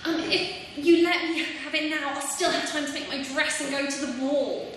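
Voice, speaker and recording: High-voiced earnest young Cinderella, played by a woman. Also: steady tone, normal speed, a bit bright. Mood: pleading. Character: earnest, pleading young Cinderella, downtrodden heroine. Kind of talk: amateur stage pantomime acting. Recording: echoey hall from far off, faint noise.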